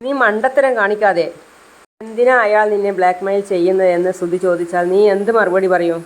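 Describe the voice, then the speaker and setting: A woman's voice: medium pitch, fairly even intonation, fairly quick, lightly acted. A woman voicing a scheming female friend who scolds and persuades insistently, in a serial recap story.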